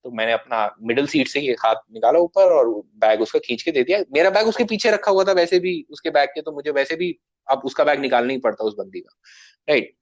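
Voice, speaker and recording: A man telling a travel anecdote in casual chat as a podcast guest. He talks a little loud and acts out the people in his story. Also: mid-range voice, expressive, brisk, dry recording, muffled recording.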